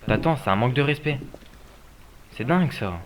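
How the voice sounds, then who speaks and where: A man's voice: medium pitch, expressive, normal speed, background noise. A tired man working as a game server admin, scolding players in casual gameplay commentary. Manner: exasperated, scolding players about respect.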